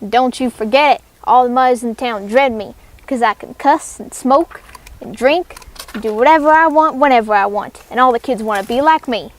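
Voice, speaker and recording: A young woman voicing Huckleberry Finn, a rough, swaggering village boy with folksy grammar, in a school character play. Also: a little high, normal speed, lightly acted.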